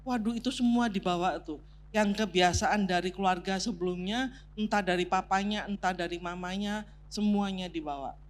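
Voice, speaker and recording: A woman's voice: medium pitch, normal speed, a little hiss or hum. A woman preaching a sermon on marriage as a counselor, teaching point by point, sprinkling in English terms and drawing the congregation in. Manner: prompts the congregation to take part, laughs along. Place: church sanctuary.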